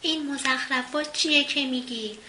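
A woman's voice: high-pitched, pushed and bright. A woman voicing a busy mother who scolds with a raised voice, in a roomy recording with faint hiss. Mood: scolding.

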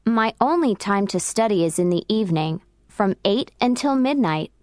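Young woman in a textbook interview, a woman reads it, plain even delivery, dry close sound. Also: mid-range voice, no echo, lightly acted. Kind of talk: scripted textbook dialogue.

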